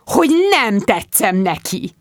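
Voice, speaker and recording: A woman reading an audiobook plays a heartbroken young man who wails and sinks into self-pity. The voice leaps high and swings widely in pitch, and the recording is dry. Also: big pitch swings, no echo. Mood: despairing. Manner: overwrought, wailing self-pity.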